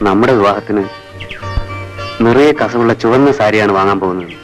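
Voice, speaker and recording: A man's voice: on the low side, fairly quick, soft background music, close to an everyday voice. An actor playing a tender young man in love, speaking earnestly about his coming wedding. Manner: soft, earnest romantic delivery. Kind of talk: 1980s film drama dialogue.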